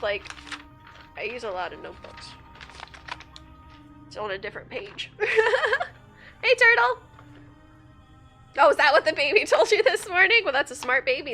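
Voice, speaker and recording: Bright, forceful and fairly high, the voice comes from a sick young woman sniffling her way through a game stream. She keeps up upbeat, chatty talk, thinking out loud and laughing frequently.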